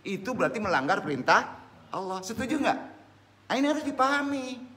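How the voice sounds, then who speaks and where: A man's voice: very high voice, fairly quick. A man giving an informal Islamic study talk as a religious teacher, often putting questions to his listeners. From West Sumatra, Indonesia. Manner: animated, questioning the audience.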